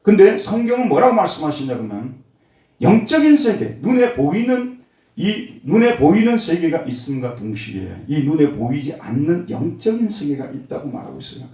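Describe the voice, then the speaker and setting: Male pastor preaching, kinda high voice, lots of punchy rhetorical questions, big echoey church hall. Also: mellow, far from the mic. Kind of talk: sermon. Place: church sanctuary.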